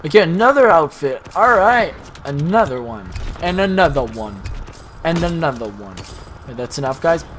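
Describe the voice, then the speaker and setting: A young man giving casual, slangy commentary while opening loot in a video game, excitable and rambling. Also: a little high, moderate pace, slight background noise. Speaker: gaming YouTuber.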